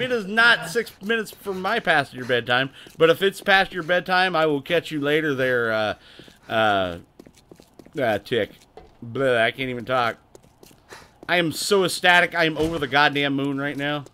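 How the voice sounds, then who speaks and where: A man's voice: fairly high pitch, normal speed, bright, forceful tone, clear, resonant tone. A man hosting a casual gaming livestream, talking in a rowdy, crude way and thanking viewers by name. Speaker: livestream host.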